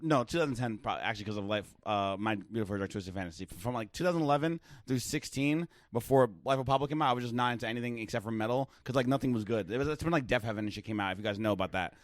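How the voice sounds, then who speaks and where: A man's voice: mid-range voice, no room sound, studio quality. A man in his thirties, a little drunk, rambling through casual podcast banter with many fillers and curse words. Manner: rapid, rambling, lots of fillers and swearing. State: tipsy. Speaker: podcast co-host.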